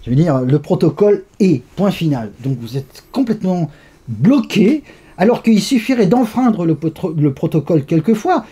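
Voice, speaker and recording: A man from France, a guest in a conversational interview, telling animated stories with lively asides. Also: sits high, moderate pace, breathy edge.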